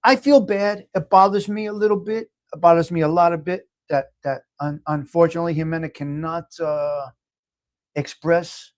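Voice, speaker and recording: Speaking at a moderate pace with fairly even intonation, this New York-accented man has a high-ish, darkish voice. He hosts a casual live chat, reading viewer comments out loud, emphatic and prone to repeats and restarts.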